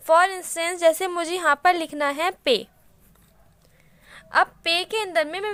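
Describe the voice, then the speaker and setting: A woman's voice: high voice, fairly bright tone, no room sound. A woman teaching a shorthand lesson in a casual mix of Hindi and English, explaining each step patiently.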